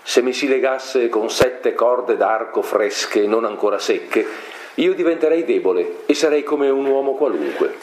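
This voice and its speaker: A man voicing a mighty strongman of an ancient tale, speaking in a calm, measured way, recorded in an echoey room. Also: mid-range voice, close to an everyday voice. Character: mighty long-haired strongman, confiding. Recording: echoey room, faint noise.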